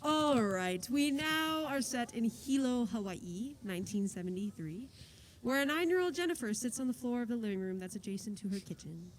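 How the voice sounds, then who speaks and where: A woman's voice: on the high side, animated, moderate pace, a little hiss or hum, poor audio. A woman reading stage directions aloud as narrator of a musical, in a plain, matter-of-fact way with dry little asides.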